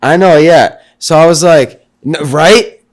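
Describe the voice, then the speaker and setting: A man's voice: on the high side, unhurried. Slangy young-sounding man telling a story casually. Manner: slangy, filler-heavy, says "bro" and "you know". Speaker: hiker recounting a climb.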